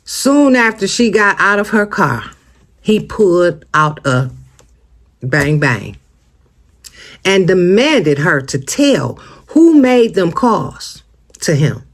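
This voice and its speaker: Slow and medium-pitched, with big swings in pitch, an American vlogger runs a true-crime commentary channel. She addresses viewers casually and emphatically, sharing strong opinions and posing rhetorical questions.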